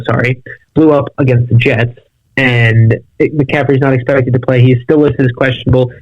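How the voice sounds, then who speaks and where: A man's voice: medium pitch, dry recording. A young man co-hosting a casual sports podcast, blunt and matter-of-fact, heard over dull lo-fi remote call audio. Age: young adult. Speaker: co-host.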